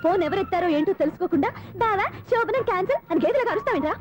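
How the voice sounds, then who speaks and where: An actress playing a sharp-tongued young woman who scolds a caller and hurls insults at him. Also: extremely high pitch, expressive, fast. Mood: scolding. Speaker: angry caller on the phone. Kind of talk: film comedy dialogue.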